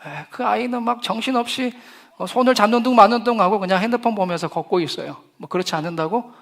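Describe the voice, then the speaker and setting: A middle-aged male pastor delivers a lively sermon in a high voice. He mixes humor with acted-out quotes to reach his young listeners. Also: quick pace.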